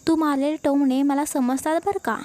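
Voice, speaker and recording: A woman voicing a sharp-tongued, sarcastic middle-aged aunt. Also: sits high, steady tone, normal speed, lightly acted. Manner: sarcastic, irritable.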